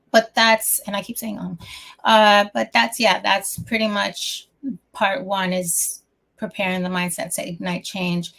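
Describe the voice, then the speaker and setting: A woman's voice: mid-range voice, creaky, a bit bright. A woman hosting her own talk show as a coach, speaking casually in a rambling way with many restarts, a little out of breath. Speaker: host and life coach.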